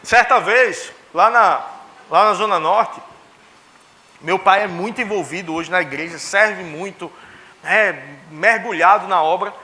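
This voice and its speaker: A young man preaches a sermon. His voice sits high and rings with a bright, forceful edge. He tells stories by acting out the dialogue of his family members. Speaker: pastor. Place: church.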